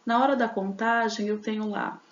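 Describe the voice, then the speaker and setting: A woman's voice: mid-range voice, fairly even intonation, moderate pace. A woman teacher, explaining a lesson step by step with many fillers and tag questions. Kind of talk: recorded class lesson. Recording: echoey dull lo-fi room recording.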